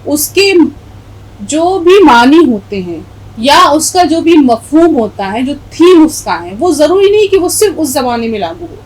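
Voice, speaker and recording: A woman's voice: sits high, very animated, a little mellow, low-quality recording. A middle-aged woman teaching an Urdu lesson, patiently spelling out letters and repeating words as she explains a poem.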